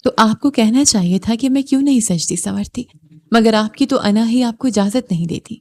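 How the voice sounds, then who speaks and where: A wounded young wife snapping back in sharp, reproachful lines, read by a woman. Her voice sits a little above the reader's own and pushes forward louder. The tone underneath stays mellow and warm. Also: fairly high pitch. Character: stubborn hurt young wife, quick to argue.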